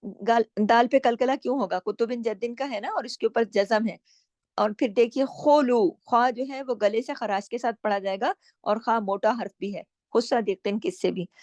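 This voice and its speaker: Patient woman teaching slow Quran recitation. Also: on the high side, fairly even intonation, darkish tone, no room sound, lo-fi sound. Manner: patient, explains each rule step by step with repeated questions and answers. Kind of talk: Tajweed lesson, explaining and reciting slowly.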